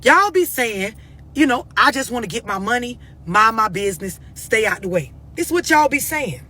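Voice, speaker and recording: On a live stream, an American woman hosts her followers and hands out blunt, off-the-cuff relationship advice. Her voice sits on the high side, sing-song, pushed and bright, at a normal speed. She's confrontational and emphatic, pressing her questions insistently.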